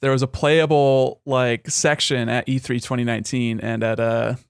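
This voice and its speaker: A man co-hosting a casual gaming podcast, eager and quick as he runs through his picks. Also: mid-range voice, level tone, gravelly, clean tone, dry recording, studio quality. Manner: eager, quick, running commentary. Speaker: podcast co-host.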